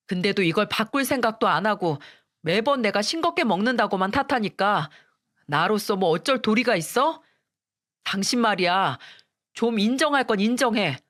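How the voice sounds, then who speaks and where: A woman's voice: mid-range voice, fairly bright tone, dry recording, studio quality. A woman voicing a frustrated young husband and son who complains with exasperation, in a scripted story reading.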